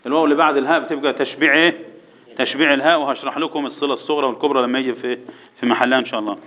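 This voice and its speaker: A man with an Egyptian accent teaching Quran recitation to boys, quizzing them and chanting verses slowly for them to repeat. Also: mid-range voice, muffled recording. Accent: Egyptian Arabic. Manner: drills students with questions, chants verses slowly. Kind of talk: tajweed lesson to boys.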